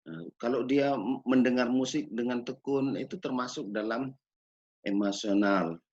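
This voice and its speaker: A man gives a measured lecture on children's music education, pausing to ask rhetorical questions. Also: medium pitch, a little mellow, husky. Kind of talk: recorded lecture. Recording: dull lo-fi recording.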